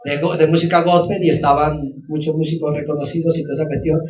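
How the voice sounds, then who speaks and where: A man with a fairly high, level voice preaches quickly in church, passionately sharing a personal testimony. He repeats phrases and keeps calling out to his listeners, and the recording is roomy, distant and dull.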